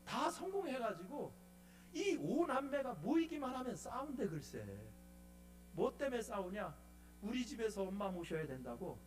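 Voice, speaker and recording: A man preaching a revival sermon in a church, telling a story in an animated way and putting rhetorical questions to the congregation. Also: very high-pitched. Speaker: guest preacher. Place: church sanctuary.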